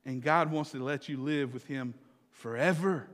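A male pastor preaching a memorial sermon and prayer in a church, swinging from loud exclamations to hushed, slow emphasis and asking the congregation direct questions. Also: medium pitch, big-room sound. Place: church sanctuary.

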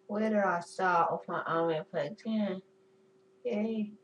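A woman's voice: mid-range voice, a little slow, distant mic, dull audio, a little hiss or hum. A woman giving chatty, goofy commentary while playing a game, cursing and giggling at her own jokes. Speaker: gamer. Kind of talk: casual gameplay commentary.

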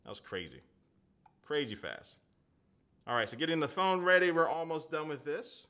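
Sitting at a desk in an indoor home studio, a man in his thirties who reviews tech runs a laid-back live-stream unboxing of a phone, reading viewer comments aloud as he chats. He speaks at normal speed in a fairly high, sing-song voice that has a sharp edge.

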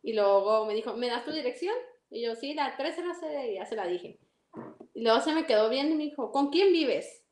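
A woman's voice: fairly high pitch, animated, moderate pace, a little mellow. A young Mexican woman with a Mexican accent, telling a story in a casual interview. She acts out the dialogue animatedly and laughs often. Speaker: interview guest. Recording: echoey room.

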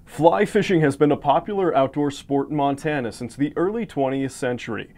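A young man narrating a local TV news report in a measured, even scripted delivery. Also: a little high. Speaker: field reporter.

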